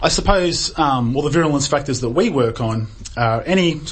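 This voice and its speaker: Husky male researcher explaining carefully. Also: medium pitch, lively intonation, moderate pace. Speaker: guest researcher. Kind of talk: explanatory interview talk.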